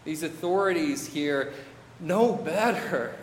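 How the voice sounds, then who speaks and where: A man's voice: on the high side, animated, slow, slight background noise. A man preaching a sermon, reading scripture and adding wry, modern asides. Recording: echoey hall with long reverb, faint ambience.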